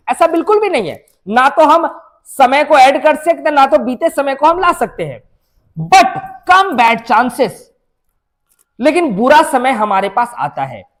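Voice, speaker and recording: High-voiced woman teacher explaining a poem. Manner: reads each English verse slowly, then explains it in everyday Hindi; addresses students directly, often asks "है ना?". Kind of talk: exam-focused poem explanation for students.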